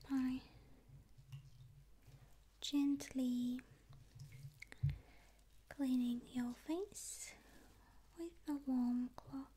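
A woman whispering slowly and softly through an ASMR spa roleplay, with long pauses between her words. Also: sits high, fairly even intonation, husky.

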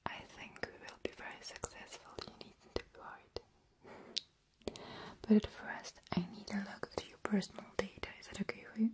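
A woman whispering softly and soothingly as a doctor in an ASMR roleplay. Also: mid-range voice, level tone, normal speed. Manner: soft whispering, gentle and soothing. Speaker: ASMR creator.

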